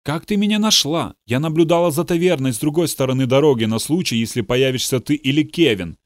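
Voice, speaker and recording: An anxious young woman journalist, voiced by a male narrator, pleading and urgent, her pitch lifted high. Read dry and close for an audiobook. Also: fairly quick, no echo, close to an everyday voice. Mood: earnest. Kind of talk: audiobook dialogue reading.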